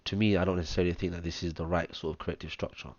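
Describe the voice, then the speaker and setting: A man with a deep, hoarse voice and a chesty cough talks methodically through a trading chart, counting waves one by one. His delivery stays flat and even. The sound is dry and dull, close to the mic with audible breathing. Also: racing, dry recording. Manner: talks step by step through wave counts, many ums. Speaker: trading analyst. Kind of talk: screen-share chart analysis.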